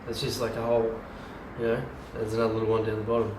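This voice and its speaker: A man's voice: on the low side, little pitch movement, fast. Home brewer man, unscripted how-to, filler-heavy delivery, recorded on a distant camera with noticeable background hiss. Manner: rambling, lots of ums and restarts. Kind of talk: casual how-to video. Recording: roomy and distant camera mic.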